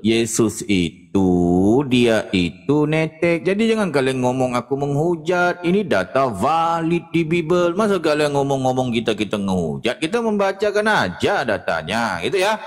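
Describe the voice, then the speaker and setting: Sneering, lively man in a reverberant hall. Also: mid-range voice, normal speed, few pauses. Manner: animated, sneering, laughing at his own jokes. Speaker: discussion panelist. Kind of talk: mocking live religious debate talk.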